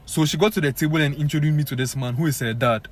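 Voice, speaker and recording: Young man, Ghanaian accent, fairly high voice, casual storytime, lots of fillers, faint background noise. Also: fast. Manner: animated, many fillers, addresses viewers as guys. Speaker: vlogger.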